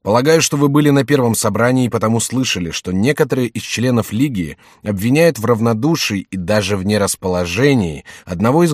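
A commanding, scheming noble duke addressing a secret gathering in solemn, persuasive tones, as a male narrator puts him on. The voice sits a little higher and louder than the reader's plain narration. The recording is dry and close, with no room sound. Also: no echo, lightly acted. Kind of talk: audiobook reading.

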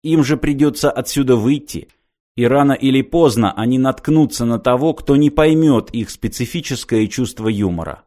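A man's voice: mid-range voice, mellow, close to an everyday voice. A man voicing a cool, ironic hero. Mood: calm. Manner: polite, cool, measured. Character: calm ironic man, coolly provoking bullies.

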